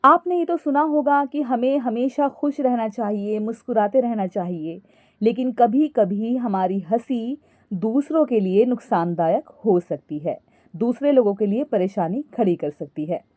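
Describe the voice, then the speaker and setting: A woman storyteller narrating a scripted moral story in a calm way, addressing listeners as friends. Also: a little high, measured pace, no echo.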